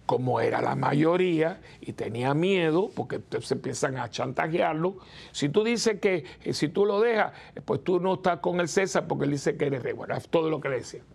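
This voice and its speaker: Gravelly-voiced priest talking with his listeners. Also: a little high, expressive, normal speed. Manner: chatty, asks the listeners rhetorical "¿no?" questions; acts out the people he quotes. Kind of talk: conversational preaching talk.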